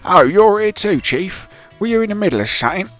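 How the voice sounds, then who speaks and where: A man's voice: high-pitched, very animated, a little fast, a bit bright. Man doing a brash jokey London-style bloke. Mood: jaunty. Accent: put-on London-ish clipped accent. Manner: clipped word endings, blunt and chummy. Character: cheerful rough-spoken older man, brash and jokey. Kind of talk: reading game dialogue aloud. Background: faint game music.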